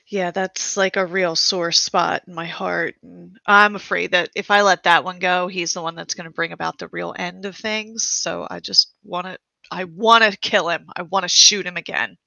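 Woman gamer, lowish voice with lots of fry, casual game chat. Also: fairly even intonation, normal speed, few pauses, sharp tone, dry recording. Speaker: tabletop game player.

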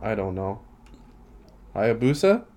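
A man's voice: on the low side, sing-song, slow, a little mellow. A man co-hosting a casual wrestling podcast, giving opinions with hesitant restarts. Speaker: podcast co-host.

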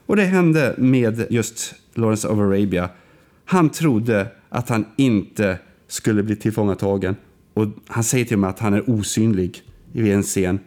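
Guy telling a movie story in a relaxed chat, hesitant restarts, lively pitch. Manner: storytelling, acts out quoted lines with big pitch swings; hesitant, frequent restarts and fillers. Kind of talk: casual conversation about film and history.

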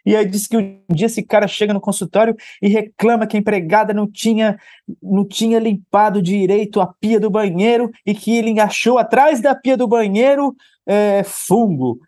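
Brazilian man, jungian analyst co-host, relaxed casual chat, lots of fillers, dry close sound. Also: sits high, no room sound. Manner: relaxed, laughing, heavy fillers.

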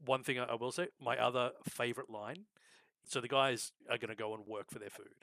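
A man's voice: mid-range voice, steady tone, a little fast, pushed and bright, dry recording. A man co-hosting a casual recap chat, teasing dryly and swearing. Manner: dry teasing humor, sweary. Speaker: podcast co-host, longtime fan.

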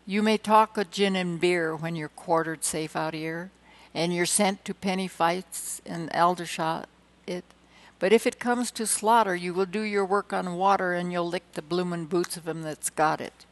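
A woman reading poems aloud with dramatic emphasis, slowing and swelling on key lines, with hesitant asides between poems. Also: fairly low pitch, steady tone, poor audio. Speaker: poetry reader.

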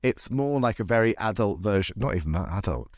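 A man's voice: lowish voice, animated, fairly quick, dry recording, clean studio sound. A man hosting a casual chat in a camp, wry, rambling and self-deprecating way. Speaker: host. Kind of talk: casual, chatty podcast conversation.

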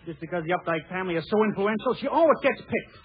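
Earnest naive young fella, high lively voice, old radio comedy, tinny recording. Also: male voice, quick pace, husky, full character voice. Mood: indignant, earnest. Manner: earnest, exclaiming. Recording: tinny vintage radio broadcast.

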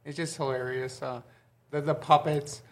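Higher-voiced man asking the group questions. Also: fairly even intonation. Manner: quick to ask the group questions. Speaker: podcast co-host. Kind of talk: casual chat. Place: studio.

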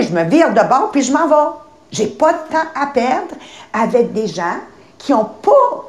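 A woman's voice: fairly high pitch, a little mellow. Blunt woman, roomy sound. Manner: emphatic, blunt, mixes in English phrases. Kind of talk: casual podcast chat. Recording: roomy echo.

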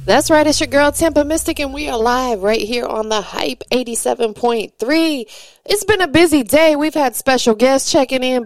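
A woman's voice: high voice, no room sound. A woman hosting a live radio show, upbeat and enthusiastic as she interviews a guest from a studio. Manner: bubbly, enthusiastic, quick to laugh. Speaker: radio host.

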